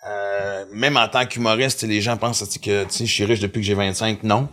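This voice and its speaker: A man's voice: lowish voice, quick pace. A man in his fifties with a Quebec French accent, a comedian chatting casually on a podcast and acting out the lines he quotes. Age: 50s. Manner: animated storyteller, acts out quoted lines. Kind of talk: casual chat.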